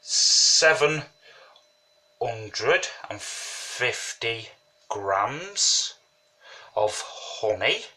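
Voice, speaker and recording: Sitting at his kitchen table with a slight cold and some sniffling, a man chats his way through a home brewing recipe in a casual how-to. His medium-pitched voice is pushed and bright, with big pitch swings, drawn-out words and long pauses. He rambles and keeps saying "you know what I mean."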